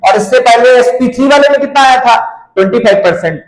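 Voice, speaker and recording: A man's voice: very high-pitched, quick pace. A man teaching chemistry in a classroom lecture, asking students questions and answering them himself, with terms. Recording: roomy echo.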